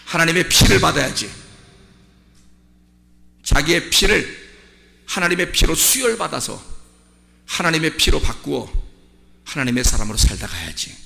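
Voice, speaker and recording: Animated man preaching in a reverberant church. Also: fairly high pitch, vocal fry. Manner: emphatic, rising to shouts, quizzing the congregation. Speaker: senior pastor. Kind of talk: sermon. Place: church sanctuary.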